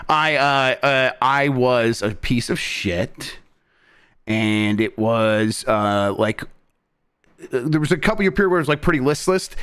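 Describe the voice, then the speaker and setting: A man on a podcast, telling a personal story casually in a halting, repetitive, self-correcting way into a close microphone. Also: mid-range voice, fairly bright tone, smooth. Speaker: podcast host. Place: indoor room on a video call. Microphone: close desk microphone.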